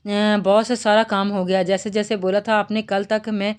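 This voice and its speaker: A woman's voice: mid-range voice, little pitch movement, normal speed, clean tone, close to an everyday voice. A woman reading the part of a playful young man reporting to his boss. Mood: jokey. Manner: jokey. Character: joking young male assistant, playful.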